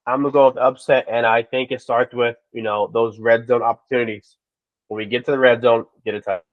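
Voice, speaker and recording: A man co-hosting a casual sports podcast, retelling plays with animated quoted voices. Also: mid-range voice, fast talker, no echo. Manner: animated storyteller, acts out quotes. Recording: dull, dry lo-fi mic.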